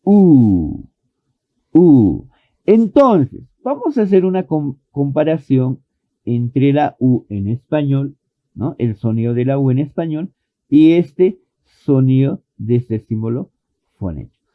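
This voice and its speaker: A man teaches vowel sounds slowly and patiently, with a lively, rising and falling voice that sits a touch high. He keeps stopping to say each sound aloud as a model. The audio is thin and phone-like, with no room echo. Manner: explains patiently and repeats vowel sounds as demonstrations. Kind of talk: online pronunciation lesson.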